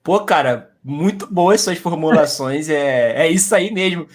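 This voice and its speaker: A man from Belford Roxo, a guest who makes history memes, answering in a relaxed, slangy way. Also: fairly high pitch, unhurried, soft background music. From Belford Roxo, Brazil. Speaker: guest, history meme creator. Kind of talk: casual interview answers.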